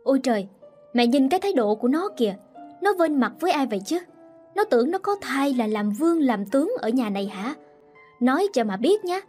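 A woman voicing a sharp-tongued, scornful sister-in-law who scolds loudly, in a storybook reading. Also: high voice. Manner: loud, mocking and scolding.

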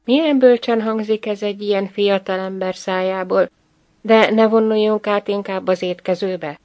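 A woman's voice: mid-range voice, fairly even intonation, darkish tone, close to an everyday voice. A woman reading the lines of a proud, wry aging woman in an audiobook, with dry remarks.

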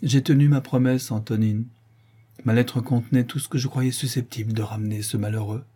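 A man voicing a grave, sorrowful young woman who speaks gently and hesitantly, in an audiobook. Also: medium pitch, fairly even intonation, brisk, slightly rough, lightly acted. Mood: subdued.

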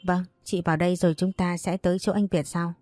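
A woman voicing a protective, excitable younger brother who presses with worried questions. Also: on the low side, fast, no echo, clean studio sound, soft background music, natural voice.

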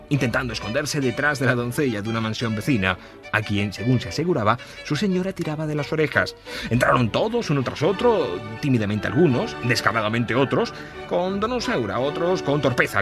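Man narrating a classic tale. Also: medium pitch. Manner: measured storytelling. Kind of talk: scripted narration.

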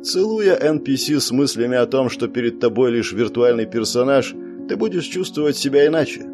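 Male audiobook narrator, steady and measured. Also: mid-range voice, over music.

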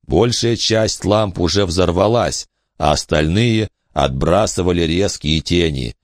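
A man's voice: low-pitched, unhurried, no room sound, studio quality. A man reading a horror audiobook as narrator, telling the story expressively.

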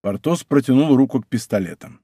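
A man reading an adventure novel aloud as a narrator, with expressive, steady storytelling. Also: medium pitch, fairly quick, slightly rough, no room sound, studio quality. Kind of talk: audiobook narration.

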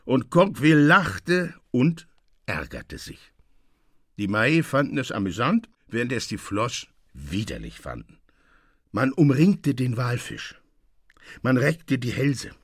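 A man reads a classic tale aloud for radio, lively and expressive in his storytelling. His mid-pitched voice is dry and close to a studio microphone, with no room sound. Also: takes it slowly, slightly rough, dry recording. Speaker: narrator. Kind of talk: literary radio reading.

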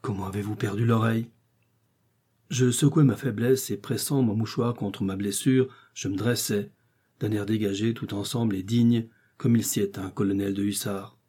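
A man narrating a classic adventure story in the first person, in measured literary storytelling. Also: lowish voice, steady tone, dark tone, breathy edge. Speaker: audiobook narrator. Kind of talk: scripted narration.

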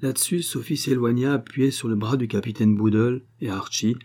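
A man reading a classic novel aloud in measured, even narration. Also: mid-range voice. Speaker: audiobook reader. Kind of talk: literary audiobook narration.

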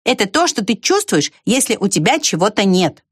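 A woman's voice: medium pitch, sing-song, normal speed, slightly rough, no echo, voice pushed up. A little storybook ant, as a woman puts him on, fussy and thoughtful, explaining things patiently in a lifted, bouncy voice. Close, dry sound with no room in it. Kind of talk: storybook voice acting.

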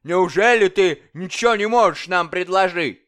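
In a storybook reading, a man acts out a cruel, boisterous king who roars and taunts at normal speed, his voice raised high and loud. Beneath the bellowing, mockery and booming laughter, the tone remains smooth and resonant, all bullying scorn.

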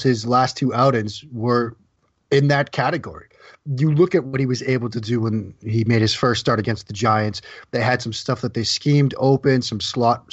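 A man's voice: mid-range voice, breathy edge, no echo. A man with a Boston accent, a guest football analyst, talks freely and restarts his phrases now and then. His voice is close and dry, with a somewhat muffled, lo-fi sound. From Boston area, United States. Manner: talkative, repeats words as he restarts. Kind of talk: casual podcast chat. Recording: dry, slightly dull sound.

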